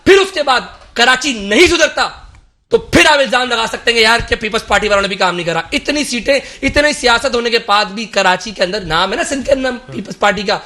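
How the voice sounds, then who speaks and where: A man from Karachi, Pakistan, with a very high-pitched, sharp voice appears as a guest on a political talk show. He argues in an impassioned, emphatic, rhetorical way.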